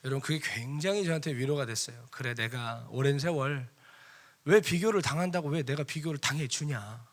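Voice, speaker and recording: A middle-aged man preaching a sermon in a church, telling a personal story with animated, acted-out quoted arguments. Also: mid-range voice, brisk. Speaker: pastor.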